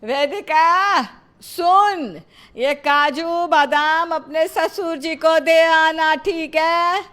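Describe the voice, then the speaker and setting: A woman voicing a loud, complaining middle-aged mother-in-law in a cartoon, scolding and wailing at her daughter-in-law. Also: high voice, lively intonation, measured pace, creaky, heavily acted. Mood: loud commanding. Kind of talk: cartoon voice acting.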